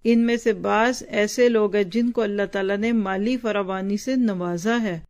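A woman's voice: medium pitch, fairly even intonation, normal speed, a little mellow. A woman teaching from a religious book, explaining hard words and answering her own questions. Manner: explains difficult words, asks and answers herself.

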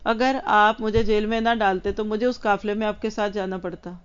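Woman voicing a calm, wise minister. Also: high voice, clear, resonant tone, dull audio. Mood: explaining.

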